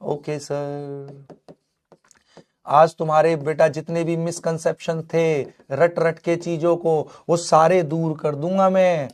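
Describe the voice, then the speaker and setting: This slow, fairly high-voiced young chemistry teacher runs an animated online lecture for exam preparation. He mixes English terms into his Hindi and addresses his students as his kids.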